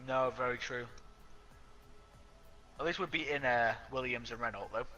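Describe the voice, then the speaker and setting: A man's voice: mid-range voice, normal speed, pushed and bright, dull audio, faint music behind. A young man co-hosting a racing game video, easygoing and agreeable, laughing often. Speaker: co-op gaming partner. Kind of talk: casual racing game commentary.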